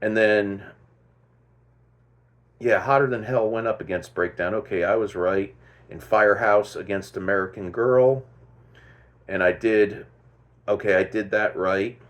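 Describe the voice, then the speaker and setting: A man's voice: fairly low pitch, steady tone, measured pace, pauses often. A man hosting a casual music commentary, thinking aloud and stopping to correct himself as he goes. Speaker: host.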